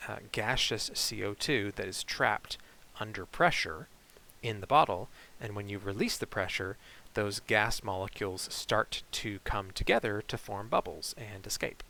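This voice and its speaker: A man teaching chemistry in a recorded online lecture, explaining in a relaxed way with frequent fillers. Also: on the low side, normal speed, creaky, rough recording.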